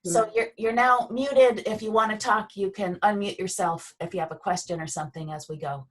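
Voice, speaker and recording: A woman teaching a Feldenkrais class over a video call, speaking gently and unhurriedly with pauses and fillers. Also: medium pitch, steady tone, recorded from a distance. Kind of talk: guided movement lesson over video call.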